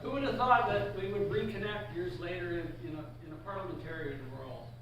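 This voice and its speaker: A man's voice: high-pitched, brisk, highs cut off. An older man from British Columbia giving a roast speech, joking dryly about himself and an old school friend. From Canada, British Columbia. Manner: dry, self-mocking humor. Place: event hall. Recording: echoey hall, far mic, loud background noise.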